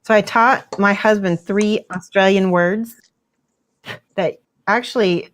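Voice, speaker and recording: A woman's voice: medium pitch, steady tone, slow pace. A woman chatting casually while she paints miniatures on a livestream. She laughs often and often restarts her words.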